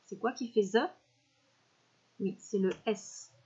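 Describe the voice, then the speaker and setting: A woman primary school teacher giving a recorded spelling dictation, stretching out each word slowly and clearly with patient classroom talk. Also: mid-range voice, steady tone, dark tone, highs cut off. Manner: slow, clear over-articulation of words, patient teacher talk.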